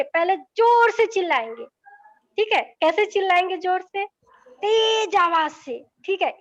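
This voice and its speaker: Woman, high voice, young adult, children's teacher, coaxing, keeps checking in. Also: fairly bright tone, highs cut off. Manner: coaxing, asks "ठीक है?" after nearly every line. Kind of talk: lesson for children.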